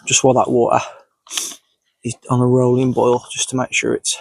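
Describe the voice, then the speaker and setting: A man's voice: medium pitch, completely flat delivery, moderate pace, vocal fry, dry recording. A man sniffly with a cold, casually narrating his outdoor cooking as he goes, unscripted. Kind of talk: casual, unscripted narration while doing tasks. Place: outdoors in countryside.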